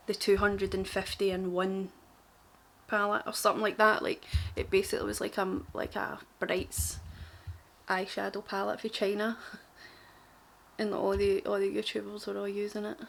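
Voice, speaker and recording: A young woman with a broad Scottish accent, strongly Glaswegian, chats informally as a beauty vlogger. Her mid-pitched voice has plenty of creak. She rambles in a self-deprecating, storytelling way, with faint noise behind her on a homemade recording. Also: flat delivery, normal speed, fairly bright tone. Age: young adult. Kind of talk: casual chatty makeup tutorial to camera.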